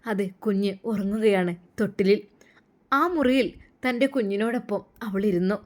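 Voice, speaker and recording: A woman reading a story aloud as narrator, calm and measured. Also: medium pitch.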